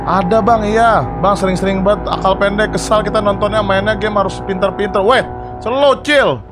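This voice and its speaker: A young man, chatting excitedly as he streams a game and talks to his viewers. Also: high voice, normal speed, over loud music. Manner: excitable, chatty, addresses chat as guys. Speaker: gaming streamer. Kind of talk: live game commentary.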